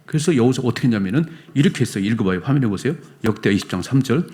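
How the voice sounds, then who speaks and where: An emphatic male pastor delivering a Sunday sermon in a church sanctuary. His pitch sits in the middle range for a man, and he drives his points home with insistent repetition. Now and then he slows down to lead the congregation through scripture. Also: animated, mellow. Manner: emphatic, leads congregation in reading scripture aloud; acts out short quoted voices of people in the story.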